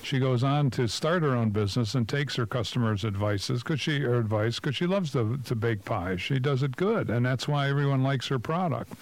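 Male radio co-host, medium pitch, blunt opinionated business coach thinking aloud. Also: normal speed, few pauses, poor audio. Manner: blunt, opinionated, asks rhetorical questions. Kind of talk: casual radio talk show commentary.

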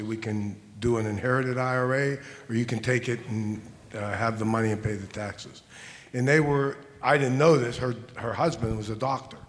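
Older man telling a story in a reverberant hall. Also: mid-range voice. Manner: earnest, restarts and repeats words, acts out dialogue. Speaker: financial advisor on a conference panel. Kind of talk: anecdotal storytelling on a panel. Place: conference hall.

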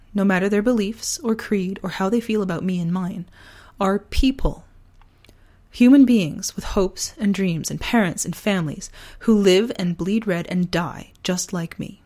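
On her personal podcast, part reflective essay and part casual chat, this host is losing her voice to a sore throat virus. Her medium-pitched, slightly mellow voice still comes across earnest and deliberate.

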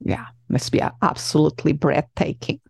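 Portuguese-accented woman host, low voice. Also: normal speed, vocal fry, darkish tone, slightly rough, dry recording, studio quality. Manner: hesitant, many fillers and restarts. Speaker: podcast host. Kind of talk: conversational interview.

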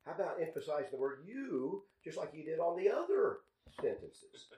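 A man's voice: on the high side, very animated, moderate pace, dark tone, reverberant, poor audio. A man hosting a radio talk show on scripture, arguing emphatically and repeating key phrases for stress.

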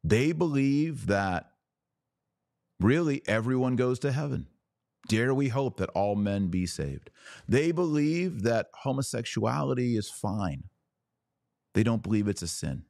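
This podcast host's mid-range voice is gravelly and darkish, animated yet measured as he delivers a fervent, exhorting religious monologue built on rhetorical questions and repetition. The clean studio recording has no echo.

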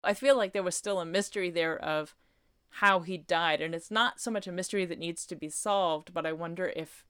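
Lively bright-voiced woman in casual chat. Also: fairly low pitch, smooth, no room sound, studio quality. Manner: animated, shouts quoted lines, self-deprecating jokes.

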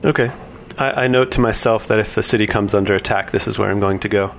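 A man chatting casually as a tabletop game player, working out his moves in a halting way. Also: lowish voice, steady tone, gravelly, a little hiss or hum. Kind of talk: casual improvised game chat.

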